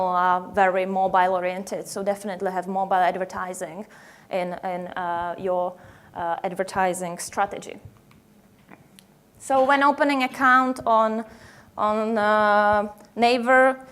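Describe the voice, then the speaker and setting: A young woman from the Czech Republic with a Czech accent, giving a conference presentation with many fillers and restarts. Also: medium pitch. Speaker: conference speaker. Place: conference hall.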